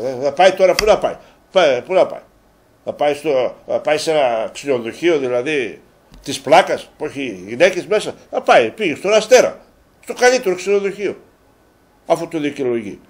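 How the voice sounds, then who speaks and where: A man with a slightly high voice hosts a local TV sports show from a studio. He chats to his viewers in a rambling way, repeating his phrases. When a grievance grabs him he rises in pitch and volume. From Greece. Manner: rambling, repeats phrases, gets worked up and loud when ranting. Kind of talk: casual sports talk to viewers.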